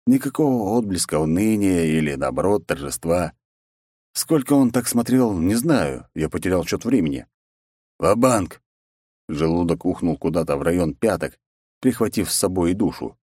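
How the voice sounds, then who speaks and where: Male audiobook narrator, low voice, dry booth, acts out dialogue. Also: a little mellow, dry recording. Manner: reads first-person story, raises pitch for characters' lines.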